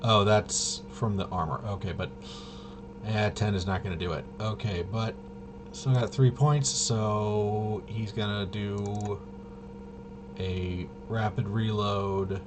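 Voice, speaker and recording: Against a clearly noisy background, a man running a tabletop game demo mutters his way through casual commentary, puzzled and quizzing himself aloud. His lowish voice stays steady in tone and slow.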